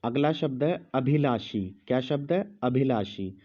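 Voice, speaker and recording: Guy giving a slow spelling dictation, repeats every word, kinda dull audio. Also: medium pitch, expressive, warm tone. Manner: speaks slowly with pauses, repeats each word. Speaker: Hindi teacher.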